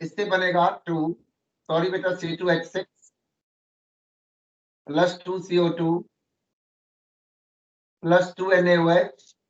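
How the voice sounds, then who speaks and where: Male chemistry tutor, high and patient, over a roomy, muffled video call. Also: little pitch movement, slow pace, pauses often. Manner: patient, calls students "beta" constantly. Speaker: chemistry teacher. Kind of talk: online class lesson.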